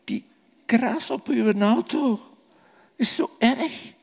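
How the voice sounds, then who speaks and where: A man's voice: very high voice, takes it slowly, gravelly, slightly rough, pitched above the performer's own voice, full character voice. A man voicing a frightened little boy who stammers with worry. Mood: worried. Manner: stammering, worried. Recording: echoey hall reverb.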